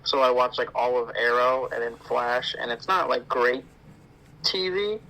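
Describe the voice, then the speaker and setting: A man in his twenties co-hosting a casual podcast chat, laid-back and quick to laugh. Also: medium pitch, gravelly, sharp tone, rough recording. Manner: laid-back, laughs easily, says "dude". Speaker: podcast co-host.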